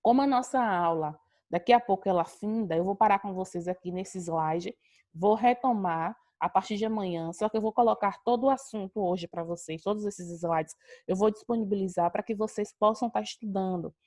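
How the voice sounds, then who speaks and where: A woman's voice: mid-range voice, moderate pace, darkish tone, dry recording. Woman teaching an online class. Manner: explanatory, addresses students directly. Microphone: video call.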